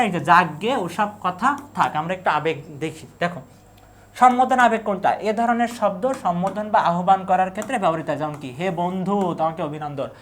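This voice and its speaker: Man drilling exam answers in Bengali. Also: high-pitched. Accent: Bangladeshi Bengali. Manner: drills students with repeated questions and answers. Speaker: university admission tutor. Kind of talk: exam-prep lecture.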